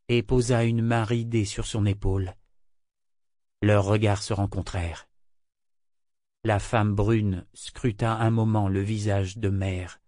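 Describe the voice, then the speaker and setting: A man narrates a novel in a measured, steady reading voice. His pitch sits in the middle range for a man. The recording is dry and close, with no room echo. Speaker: audiobook narrator.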